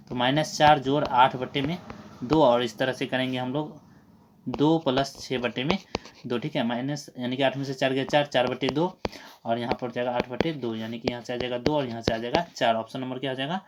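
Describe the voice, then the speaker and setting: Man briskly working math problems aloud. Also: mid-range voice, noisy background. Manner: brisk, repeats "theek hai" constantly; works sums aloud in a running drone. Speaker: math teacher. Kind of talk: exam answer walkthrough.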